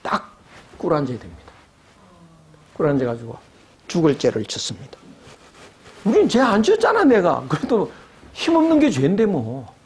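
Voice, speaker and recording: A man's voice: high voice, wildly swooping pitch, normal speed, pauses often, darkish tone. An older man giving an academic lecture, asking rhetorical questions and acting out quoted voices.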